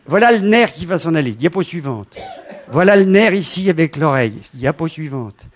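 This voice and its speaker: A man in his seventies giving a lively lecture with slides, swinging from loud emphasis to quiet asides. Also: fairly high pitch, normal speed. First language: French. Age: 70s.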